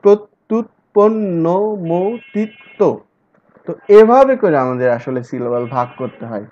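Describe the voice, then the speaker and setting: A man teaching an online class, stretching words out slowly when he models pronunciation. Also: medium pitch, very animated. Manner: slow drawn-out syllables when modeling pronunciation. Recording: dull lo-fi recording.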